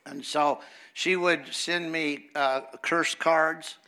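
Male preacher, bright tone, a lively storyteller. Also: a little high, slow, creaky, clear, resonant tone. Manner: animated storyteller, acts out voices in quotes. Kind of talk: sermon story with live interpreter.

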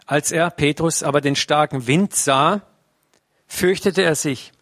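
A man's voice: on the high side, measured pace, fairly bright tone, no echo, clean studio sound. A man preaching a sermon in a conversational way, often tagging his sentences with a questioning "ne?". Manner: conversational, uses tag "ne?" often.

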